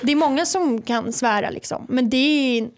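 En ung kvinna som gäst i en podd, som berättar livligt i lättsamt samtal och härmar andra. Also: female voice, high-pitched. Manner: lively anecdote telling, acting out what others said. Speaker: podcast guest, footballer. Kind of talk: casual chat.

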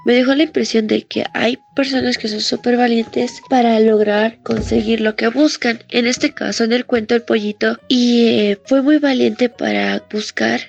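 A woman with a gravelly, fry-edged voice, slightly high, speaking hesitantly to young listeners. The recording is dull and lo-fi, with faint music behind her. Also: fairly even intonation, moderate pace, hardly any pauses. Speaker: guest giving an opinion. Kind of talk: children's show commentary.

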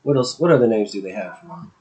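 A man's voice: lowish voice, expressive, fast talker, dark tone. A man co-hosting a casual spiritual podcast chat, laid-back and profane, often laughing. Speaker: podcast co-host.

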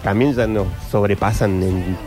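A man's voice: on the low side, fairly even intonation, measured pace, a little mellow, soft background music. An Argentine man on a casual chat show who often chimes in with short agreements. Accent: Argentine Spanish.

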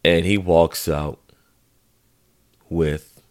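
A man's voice: deep voice, drawn-out words. A man hosting a podcast, telling a funny story casually and laughing as he goes. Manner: animated, laughing storyteller with voiced quotes. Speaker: podcast host.

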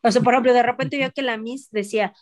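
A woman with a Mexican Spanish accent, telling lively, laughing anecdotes about her son in casual chat. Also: a little high, fast talker.

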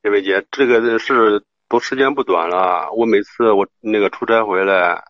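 Deep-voiced male caller, muffled line. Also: no room sound. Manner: halting, defensive, keeps asking "you know?".

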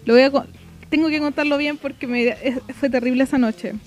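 A young woman with a Chilean accent, co-hosting a casual podcast and retelling events in an animated, slang-heavy way. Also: high voice, fairly quick. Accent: Chilean Spanish. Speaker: podcast co-host. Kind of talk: casual chat.

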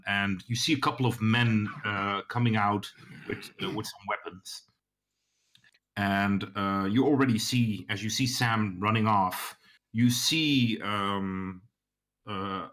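A man narrating a tabletop game as game master, halting and restarting often as he describes the scene. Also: lowish voice, fairly even intonation, fairly bright tone. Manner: halting, many fillers and restarts.

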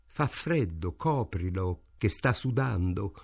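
A fretful neighbor woman, read by a man in a low, quiet voice. She speaks softly and slowly, in a close, dry recording. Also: lively intonation, vocal fry, no room sound, heavily acted. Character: anxious female neighbor.

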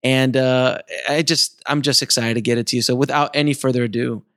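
A man's voice: mid-range voice, steady tone, a little fast, a bit bright, no room sound. A man speaks as a podcast host in a casual, conversational style. He is effusive and leans on his words for emphasis. The sound is dry, with no room around him.

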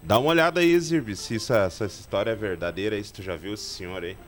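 A man's voice: fairly low pitch, fast talker, faint music behind. A male radio host, teasing his co-hosts in casual banter. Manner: teasing, playful.

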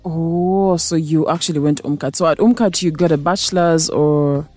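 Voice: mid-range voice, normal speed, darkish tone, no echo. Curious interviewer with a dry, close sound. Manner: curious, probing questions with short backchannels. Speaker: interview host. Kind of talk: casual interview.

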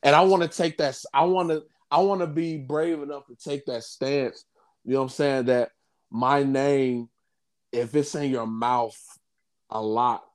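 A man talking casually at an ordinary, middle pitch. He pauses often and keeps checking in with "you know what I'm saying" as he works through his thoughts. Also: steady tone. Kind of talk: casual conversation.

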